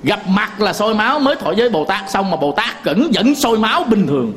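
A high male voice with big pitch swings, a little fast and fairly bright, belongs to a Buddhist monk teacher giving a sermon. He speaks with a Southern Vietnamese accent, spins folksy stories, chuckles often, and addresses his audience directly.

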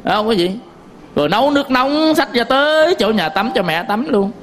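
Man, Southern Vietnamese accent, Buddhist sermon, chuckling storyteller, talks straight to the audience, fairly high voice. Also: big pitch swings, normal speed, a bit bright, slight background noise. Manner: folksy storytelling, chuckles often; addresses listeners directly. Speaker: Buddhist monk teacher.

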